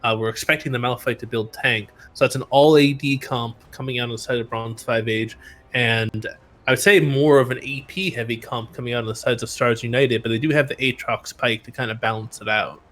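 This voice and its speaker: Esports caster with a tiring voice. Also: male voice, medium pitch, brisk. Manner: analytical, steady explainer. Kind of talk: play-by-play casting.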